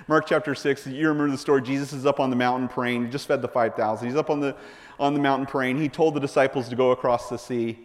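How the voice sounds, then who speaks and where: A man preaching a sermon, lively and playful, acting out the voices of the people in the story. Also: mid-range voice, quick pace. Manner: animated, playful, acts out voices of Bible figures. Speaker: pastor. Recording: long hall reverb.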